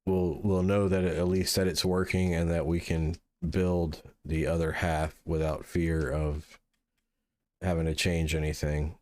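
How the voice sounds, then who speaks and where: A man hosting a gaming channel, musing through relaxed gameplay commentary and sounding sleepy. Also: low voice, a little slow, no echo. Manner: mellow, musing, thinks aloud with restarts. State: sleepy, yawning.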